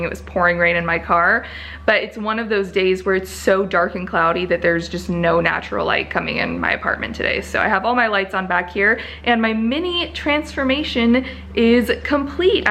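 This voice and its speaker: A woman's voice: on the high side, fairly bright tone. A woman vlogger chatting casually to her viewers in an informal, upbeat and enthusiastic way.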